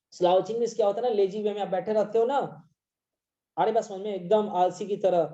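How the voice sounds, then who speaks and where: An online English teacher in a live class, explaining and constantly checking that students follow, reading English lines slowly. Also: mid-range voice, mellow, muffled recording. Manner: mixes Hindi and English, constantly checks understanding.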